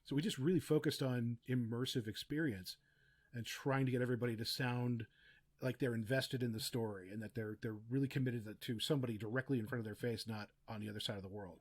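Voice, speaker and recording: A man appears as a podcast guest in a casual interview, offering practical advice on audio production through chatty, meandering asides. His voice is medium-pitched and steady, fast, with a breathy edge.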